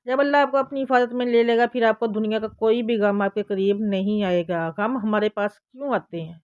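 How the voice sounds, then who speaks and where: A woman's voice: on the high side, steady tone, a little fast, no room sound. Woman, pakistani urdu accent, step-by-step religious instruction, dry dull lo-fi recording. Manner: addresses viewers directly, repeats instructions step by step. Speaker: religious channel host.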